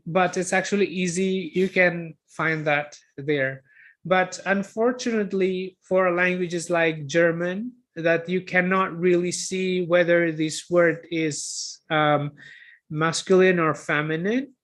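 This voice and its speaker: A man's voice: sits high, steady tone, takes it slowly, fairly bright tone. A man, a guest lecturer answering questions in an online talk, hesitant and full of fillers as he corrects himself. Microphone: video call.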